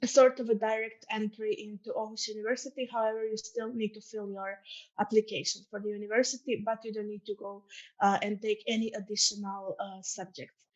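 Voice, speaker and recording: A woman's voice: mid-range voice, flat delivery. A young woman from Croatia with a Croatian accent, presenting her study programme as a student ambassador in an earnest, informal way with many ums and uhs. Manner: earnest, fills pauses with um and uh. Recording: dull lo-fi sound.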